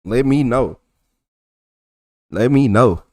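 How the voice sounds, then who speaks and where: A man's voice: medium pitch, expressive, slow, a little mellow, no room sound, studio quality. A young man with a thick Texas accent, chatting loosely on a livestream and reacting to messages from his chat. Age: young adult. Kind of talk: casual livestream chat reading comments.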